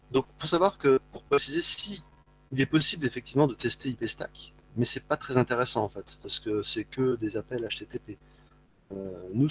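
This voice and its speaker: A man from France explaining code in a talk, halting, with frequent fillers and repeats. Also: mid-range voice, slight background noise. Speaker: conference speaker. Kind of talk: live coding talk.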